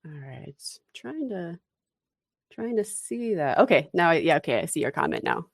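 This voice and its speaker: A woman with a very low, gravelly voice hosts a casual online audio room. The sound is dry and close, and she handles things in a brisk, practical way. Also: sing-song, no echo.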